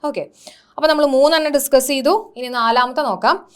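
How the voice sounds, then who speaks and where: A woman's voice: high voice, brisk, a bit bright. A woman with a Malayali accent teaching an exam-prep grammar lesson, asking questions and answering them herself while mixing English words into her explanations. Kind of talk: classroom-style lesson.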